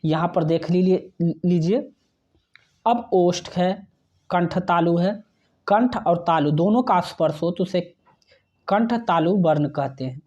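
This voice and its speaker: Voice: mid-range voice, slow, a little mellow, lo-fi sound. A teacher giving an exam-prep grammar lesson, who spells out sounds one by one and often checks in with the viewer.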